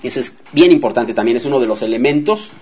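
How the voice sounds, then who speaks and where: A man hosting a radio show and giving debt advice to listeners in a relaxed, conversational way, speaking straight to them and acting out sample dialogues. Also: mid-range voice, fast, slightly rough. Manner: conversational, addresses listeners directly, acts out example dialogues. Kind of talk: casual advice talk to listeners.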